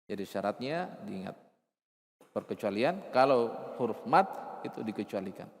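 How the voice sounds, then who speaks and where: A man's voice: on the low side, big pitch swings. Man teaching in a reverberant hall. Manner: explanatory, repeats key terms, rhetorical questions, drawn-out chanted verse. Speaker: Arabic and Quran recitation teacher. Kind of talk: explaining recitation rules, sometimes chanting verses.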